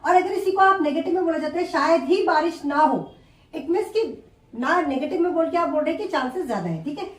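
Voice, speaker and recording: A woman teaching an English grammar lesson, explaining slowly and repeating each example word by word. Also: extremely high pitch, animated. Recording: echoey room, far from the mic.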